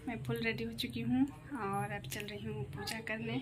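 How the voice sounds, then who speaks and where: A woman talking casually to her viewers in a home vlog, speaking softly and often near a whisper. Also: fairly high pitch, level tone, moderate pace. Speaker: vlogger.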